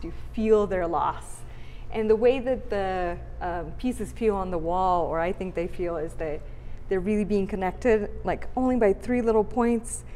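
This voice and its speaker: A woman in her thirties, born in Bulgaria, speaking thoughtfully about her artwork in an interview, often pausing with fillers. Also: mid-range voice, darkish tone. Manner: thoughtful, reflective, with frequent fillers. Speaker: artist. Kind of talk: gallery interview. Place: large art gallery indoors. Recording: reverberant gallery, faint hum.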